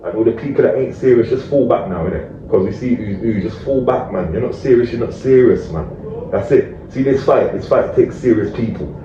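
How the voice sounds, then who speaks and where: Male, London roadman accent, emphatic slangy street speaker, lowish voice, recorded dull and off-mic. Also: brisk. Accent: London roadman, multicultural street London. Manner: emphatic, slang-heavy, repeats tag questions. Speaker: community activist speaker. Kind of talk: street talk addressed to camera. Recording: roomy, distant, dull audio with faint noise.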